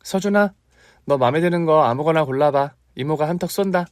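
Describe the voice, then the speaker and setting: A man voicing a young woman, a devoted aunt raising her nephew, in a dramatized story reading, his voice pushed much higher than his own. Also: brisk, dry recording, studio quality, close to an everyday voice. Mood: gentle affectionate. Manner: emotional, pleading, teasing by turns.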